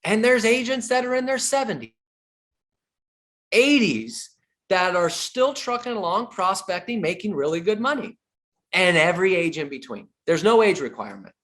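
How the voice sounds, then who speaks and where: A middle-aged real estate coach delivers a sales training talk in a high, sing-song, slightly bright voice at normal speed. He is emphatic, repeats his key points and jokes with the audience.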